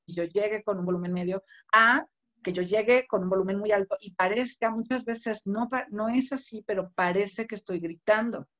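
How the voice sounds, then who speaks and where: Give me a Mexican woman teaching public speaking. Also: mid-range voice. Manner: conversational, explains with spoken examples. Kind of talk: online class lecture. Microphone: computer mic on a video call.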